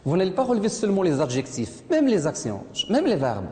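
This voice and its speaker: Low-voiced woman teaching a class. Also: wildly swooping pitch, brisk. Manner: questioning, corrects pronunciation, repeats answers. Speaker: French teacher. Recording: echoey classroom with loud noise.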